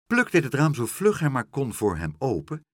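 A man reading a children's story aloud, slow and expressive, recorded close and dry. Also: medium pitch, no echo.

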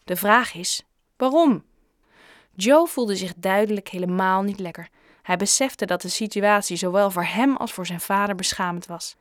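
A woman narrating a children's story in a steady, even reading voice. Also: medium pitch, normal speed, no echo, studio quality. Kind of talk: audiobook narration.

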